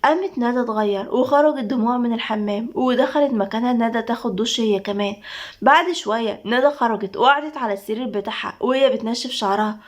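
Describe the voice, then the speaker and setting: A woman with an Egyptian accent narrating a serialized family story in a brisk, lively manner. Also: on the high side. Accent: Egyptian Arabic.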